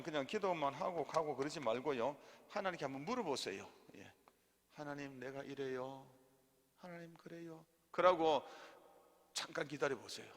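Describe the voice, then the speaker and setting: A man's voice: fairly high pitch, sharp tone. A middle-aged male pastor teaches a lay theology class and has listeners repeat after him. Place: church hall. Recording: reverberant church hall.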